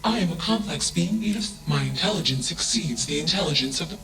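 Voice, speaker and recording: A man's voice: a little high, expressive, brisk, vocal fry. A man voicing a cold, emotionless male AI starship mind in a video game, speaking in clipped machine phrases that label each statement. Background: music.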